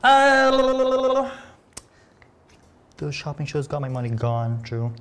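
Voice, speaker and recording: A man's voice: a little high, very animated, moderate pace, a bit bright, slight background noise. A man in his thirties, a makeup artist hosting a beauty livestream, chatting and teasing casually in a studio. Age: 30s. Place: bright studio set.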